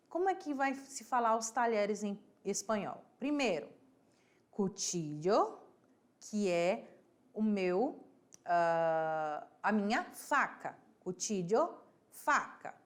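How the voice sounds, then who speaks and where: A woman teacher with a Brazilian Portuguese accent, giving a recorded vocabulary lesson and repeating each word slowly and clearly for her pupils. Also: mid-range voice. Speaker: Spanish teacher.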